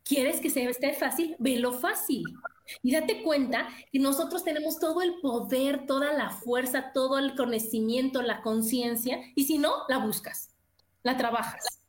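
A high-pitched woman with a Mexican accent talks in a casual, motivational way. She gives quoted voices their own lively color. The recording carries a noticeable room echo. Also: a little slow. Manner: animated, acts out quoted voices. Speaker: guest speaker.

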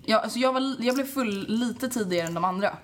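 A young woman co-hosting a casual chat, telling a story in an animated way, laughing and acting out the voices of other people. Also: fairly high pitch. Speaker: co-host.

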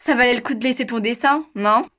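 A man voicing a lively, cheerful young girl in a storybook tale, eager and teasing. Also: very high-pitched, fast, voice pushed up.

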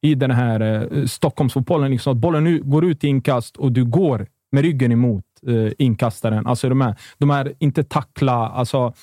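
Dark-voiced man rambling about football. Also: mid-range voice, few pauses, no room sound, clean studio sound. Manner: emphatic, rambling with many restarts. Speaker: football pundit. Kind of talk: casual podcast chat.

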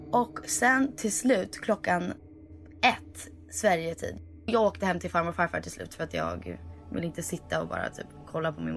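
A young woman telling a story in casual chat, animated and mixing in English phrases. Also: on the low side, creaky.

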